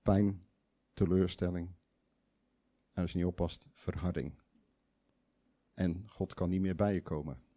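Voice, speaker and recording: A man's voice: low-pitched, fairly even intonation, measured pace, pauses often, warm tone. A man preaching a sermon in a conversational, emphatic way, putting questions to the audience and acting out quoted voices.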